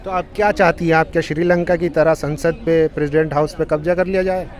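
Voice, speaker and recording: A man's voice: fairly high pitch, steady tone, fairly quick. A man reporting from an outdoor street protest presses the interviewee with insistent questions.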